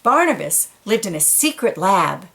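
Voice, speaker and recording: A woman reads a picture book to children in a gentle, engaged way, pausing to note little details in the pictures and then picking the story back up. Her mid-range voice swings widely in pitch and carries vocal fry, with a little hiss or hum in the recording.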